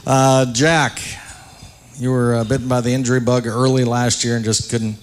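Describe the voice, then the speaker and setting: A man hosting a live radio broadcast from a dinner event, asking relaxed, chatty questions full of fillers. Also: mid-range voice, moderate pace, slight background noise. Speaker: radio play-by-play host. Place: large arena banquet hall.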